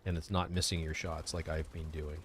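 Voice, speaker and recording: A man's voice: rumbling low, little pitch movement, fairly quick, background noise. A man giving casual gameplay commentary as a live streamer.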